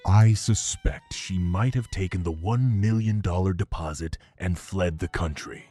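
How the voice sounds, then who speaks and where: A man's voice: low voice, a little slow, warm tone, soft background music, pitched below the performer's own voice. A man voicing a nervous male chief bodyguard who reports formally and deferentially. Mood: uneasy.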